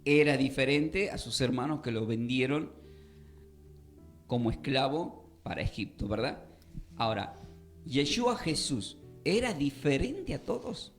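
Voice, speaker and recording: Soft music underscores this radio studio Bible lesson, where a man with an expressive, medium-pitched voice speaks at a measured pace. He quizzes the audience and drives home key ideas through repetition.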